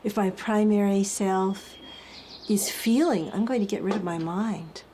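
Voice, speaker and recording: A woman explaining psychology in a calm, measured lecture. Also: mid-range voice, background noise. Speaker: psychology teacher.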